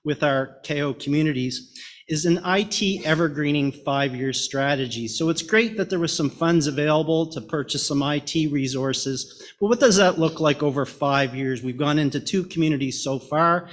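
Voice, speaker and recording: A middle-aged man with a Canadian Maritimer accent, giving a prepared conference presentation in a measured way. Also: a little high. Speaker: education director, presenter.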